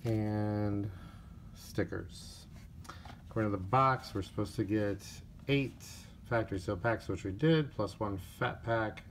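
A man's voice: lowish voice, slight background noise. A man opening card packs on camera, casually talking through each one and listing player names, a little tired. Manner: unhurried, reads off player names in a flat list. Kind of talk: casual pack-opening commentary. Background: crinkling wrappers and card clicks.

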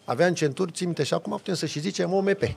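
Brief: male podcast guest, gravelly voice pitched a bit high, animated storyteller. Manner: animated, lively storytelling with sound effects. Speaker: podcast guest, off-road driver. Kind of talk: casual storytelling.

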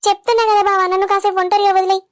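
A woman voices a weepy young wife in a comedy skit, her voice pitched extremely high and kept flat. She whines and pleads quickly in Telangana Telugu. The sound is close and dry. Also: dry recording. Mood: hurt, complaining. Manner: whiny, complaining, pleading. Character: sulky weepy young wife, easily hurt.

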